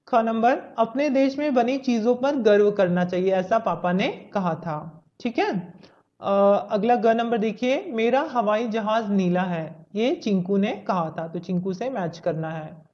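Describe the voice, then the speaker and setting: A woman's voice: medium pitch, warm tone. Patient woman teaching young children. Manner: patient, explains step by step, mixes in English words. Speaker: Hindi teacher. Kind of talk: textbook lesson for young children. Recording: slightly dull lo-fi audio.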